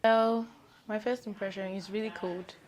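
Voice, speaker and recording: A woman's voice: mid-range voice, fairly even intonation, moderate pace. Teenage woman from Nigeria, guitar behind. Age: teens. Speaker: international student. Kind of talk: documentary interview answers. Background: guitar music.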